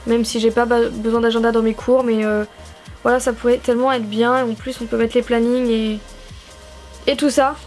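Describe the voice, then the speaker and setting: A young woman from France with a high, light voice gushes over the stationery she is unboxing. She chats casually and keeps adding fillers and repeated exclaims, with faint music playing underneath. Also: flat delivery, moderate pace, a little mellow. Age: young adult. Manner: gushing, enthusiastic, chatty with fillers.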